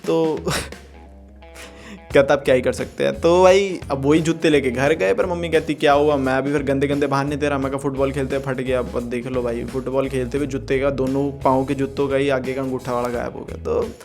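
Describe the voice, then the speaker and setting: A man's voice: mid-range voice, fairly even intonation, moderate pace, a little mellow, faint music behind. A young man telling a storytime anecdote in a casual, joking way, swearing freely and chuckling as he goes. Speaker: storytime vlogger.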